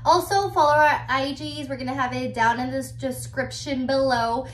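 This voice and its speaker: Filming on a phone camera in her echoey bedroom, a young woman in her twenties chats casually for her YouTube channel. She has a high voice with a steady tone and moderate pace, and she's chatty, filling her speech with "like."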